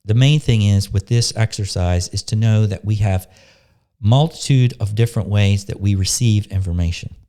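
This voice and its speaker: A man leading a guided meditation, talking slowly and softly in an unhurried, calm way, pausing and restarting phrases. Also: on the low side. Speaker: spiritual teacher leading a meditation. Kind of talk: slow, soft-spoken guided meditation talk.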